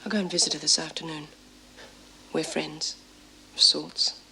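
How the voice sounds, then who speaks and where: An actress with an Australian accent playing a gentle but firm woman prison officer in a television drama. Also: low-pitched, fairly even intonation, moderate pace, gravelly, slight background noise, exaggerated voice, rough recording. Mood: concerned. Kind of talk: 1970s TV drama acting.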